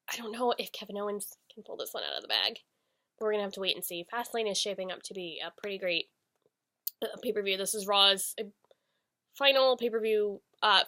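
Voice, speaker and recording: Bright-voiced woman with a stuffy nose. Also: mid-range voice. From New England. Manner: chatty, excitable, slips and restarts. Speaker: wrestling recap vlogger. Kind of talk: casual solo recap.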